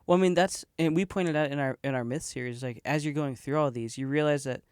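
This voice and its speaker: A man with a slightly raised voice chats on a podcast, breaking into laughter often and answering with quick agreement. The sound is close and dry. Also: a little high, darkish tone, smooth, no room sound. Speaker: podcast co-host. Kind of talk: casual conversation.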